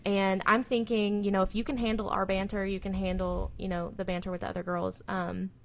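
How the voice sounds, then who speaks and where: A woman's voice: medium pitch, flat delivery, brisk, vocal fry, a little hiss or hum. Casting: young woman, salon owner co-hosting a chatty podcast, rambling delivery. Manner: rambling, filler-heavy. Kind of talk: casual chat.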